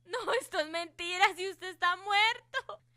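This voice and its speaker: A woman plays a haunted, frightened young woman with an extremely high voice. She delivers her radio drama lines slowly, with pleading, overwrought emotion. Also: bright, forceful tone, no echo, exaggerated voice. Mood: panicked.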